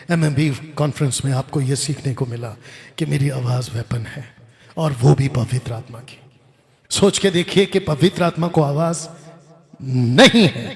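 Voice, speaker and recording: A middle-aged man preaching a fervent, exhorting sermon at a conference in a large hall. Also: on the high side. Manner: fervent, exhorting, repeats "come on". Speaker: pastor. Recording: long hall reverb.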